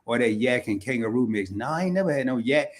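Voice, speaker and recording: A man's voice: medium pitch, animated, fast. A man co-hosting a podcast in casual chat, playful and joking, often stumbling and restarting his sentences. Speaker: podcast co-host.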